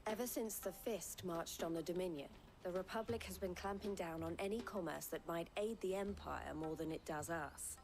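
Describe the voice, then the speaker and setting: An actress playing a composed, formal woman trader in a video game, speaking in a measured, persuasive way. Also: lowish voice, a crowd in the background, close to an everyday voice. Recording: game audio with music underneath. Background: game music.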